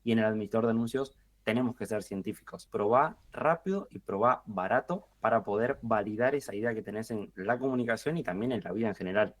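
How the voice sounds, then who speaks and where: A man in his twenties with a Rioplatense Argentine accent, a podcast guest who talks through marketing ideas in a relaxed way, thinking aloud with fillers and restarts. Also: fairly low pitch, fast talker, few pauses. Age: 20s. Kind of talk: podcast interview.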